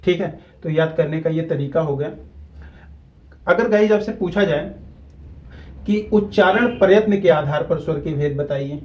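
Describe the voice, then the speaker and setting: A man, teaching a grammar lesson at a whiteboard. He repeats key terms slowly and deliberately so students can keep up. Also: on the high side, a little mellow, poor audio.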